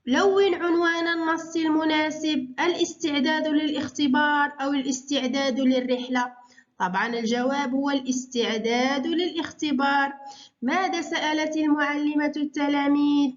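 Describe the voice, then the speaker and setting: A woman with an Algerian accent, tutoring through an exam: she rushes explanations in dialect and reads the answers slowly and carefully. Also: high voice, fairly even intonation, muffled recording. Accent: Algerian Arabic. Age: adult parent. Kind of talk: exam walkthrough lesson.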